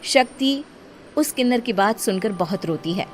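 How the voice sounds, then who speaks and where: A woman's voice: medium pitch, expressive, moderate pace, soft background music. A woman narrating a cartoon horror story in a dramatic storytelling voice.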